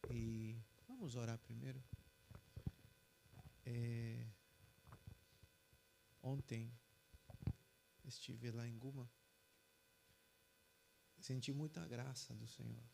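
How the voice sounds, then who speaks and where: A man's voice: medium pitch, fairly even intonation, drawn-out words, gravelly, long pauses, noisy background. A man from Peru with a Peruvian Spanish accent, a pastor speaking Portuguese, chatting with his congregation and then praying fervently. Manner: casual chatty introduction, then fervent loud prayer. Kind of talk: sermon and prayer. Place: church.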